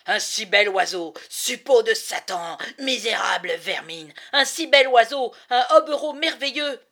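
A woman voicing a cunning male falconer who speaks softly and coaxingly, with a quiet menace, in a storybook reading. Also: on the low side, normal speed, natural voice. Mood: gloating. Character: cunning adult male falconer, sweet-voiced and sinister.

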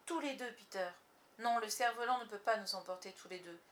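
A woman voicing a tired but brave young girl in a storybook reading, speaking brightly and earnestly. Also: mid-range voice, a little fast, close to an everyday voice.

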